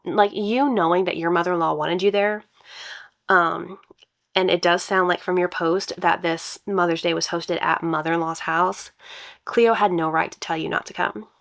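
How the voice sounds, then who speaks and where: Woman podcast host, hoarse n gravelly w lots of fry, casually reading posts out loud and commenting. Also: fairly low pitch, steady tone, moderate pace. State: hoarse voice from allergies.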